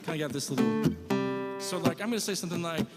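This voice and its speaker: A man's voice: on the high side, animated, fast. A man chatting casually and joking between songs at a church service, self-deprecating and rambling. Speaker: church musician. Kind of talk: casual stage banter and singing with guitar. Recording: live with long reverb and guitar.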